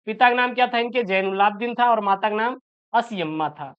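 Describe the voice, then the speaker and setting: A man's voice: sits high, fairly quick, clear, resonant tone. A man teaching an exam-prep lesson, asking questions aloud and answering them himself, often throwing in "sir" as a filler. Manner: keeps tossing in "sir" as a filler. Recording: dull lo-fi recording.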